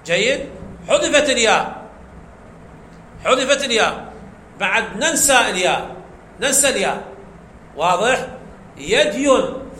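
High, bright-voiced man teaching grammar. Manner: explains step by step, asks the class questions and answers them himself. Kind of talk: classroom lecture. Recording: echoey room, faint background noise.

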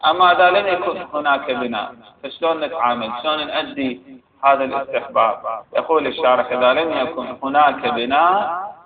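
A man's voice: medium pitch, fairly quick. A man with an Iraqi accent giving a seminary lecture, reading passages aloud and explaining them with frequent hesitations. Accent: Iraqi Arabic. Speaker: religious studies teacher. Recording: phone-like echoey recording with crowd.

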